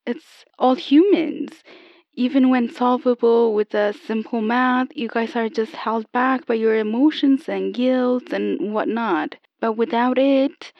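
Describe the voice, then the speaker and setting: A woman playing a calm AI over an old telephone. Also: on the high side, no echo. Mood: calm explaining. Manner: patient, explaining, slightly halting. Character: calm AI copy of an older woman. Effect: voice over an old telephone line. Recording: dull lo-fi phone sound, dry.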